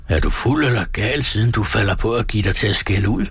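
A man doing a gruff, stern forest ranger. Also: lowish voice, animated, no echo. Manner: curt and blunt. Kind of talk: dramatic reading.

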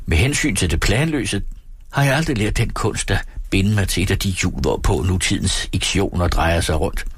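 A man reading an audiobook, voicing a charming, restless young gentleman who talks in a brisk, lightly mocking way. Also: sits low, lively intonation, breathy edge, no echo, studio quality.

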